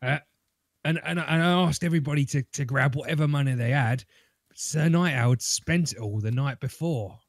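A man's voice: mid-range voice, moderate pace, vocal fry, dry recording. A man playing a tabletop game over voice chat. He recounts events in character with dry amusement. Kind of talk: casual in-character game storytelling.

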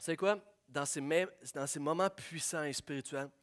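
Man, pastor, sermon, slightly high pitch, hushed to loud and excited. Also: moderate pace, background noise. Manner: swings from hushed prayerful tones to loud excited storytelling.

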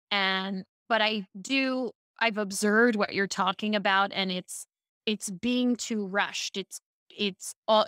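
Bright, high-energy woman speaking coach. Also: no echo, studio quality. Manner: high-energy, fast bursts with restarts. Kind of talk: podcast interview.

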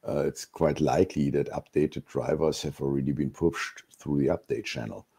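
Deep, husky man, hesitant meeting talk over a call. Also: fairly even intonation, moderate pace, mellow. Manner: hesitant, repeats words while thinking. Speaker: community board member. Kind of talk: casual meeting discussion. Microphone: video call.

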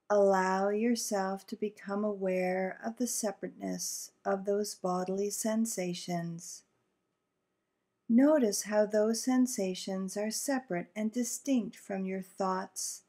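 Speaking at a medium pitch, a woman leads listeners through a guided visualization meditation, softly and soothingly. She takes her time, with long stretches of silence between phrases.

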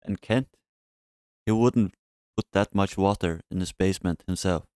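A man's voice: low voice, moderate pace, darkish tone, a little hiss or hum. A man giving casual reaction commentary as the host of a reaction video. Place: indoors at a desk. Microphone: microphone close in front.

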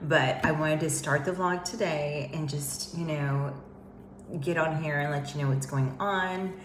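Congested with a head cold, this woman chats to camera in a rambling, filler-heavy way from a cleared-out home office. Her low voice keeps a fairly level intonation at a measured pace, while the empty room echoes and a faint hiss or hum sits underneath.

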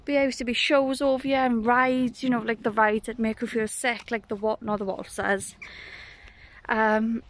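A woman's voice: fairly high pitch, little pitch movement, moderate pace. Chatty woman vlogging to her phone. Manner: chatty, rambling, self-correcting. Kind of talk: casual day-in-the-life vlog. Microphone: phone at arm's length.

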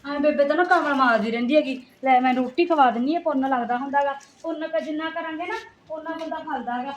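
Woman as earnest chatty daughter-in-law, very high quick voice, echoey room with faint hiss. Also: dull audio. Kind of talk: village comedy sketch acting.

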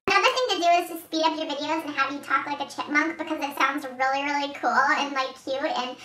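A woman's voice: high-pitched, fast talker, bright, forceful tone, roomy sound, far from the mic. A woman vlogger whose voice is sped up into a chipmunk voice, talking in a giggly, mock-bubbly way in a parody beauty vlog.

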